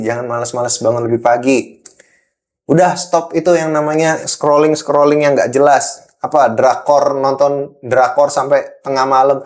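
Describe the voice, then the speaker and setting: A man's voice: mid-range voice, darkish tone, close to an everyday voice. A man from Java playing an angry boss who scolds and lectures a young employee in a role-played monologue, repeating points for emphasis.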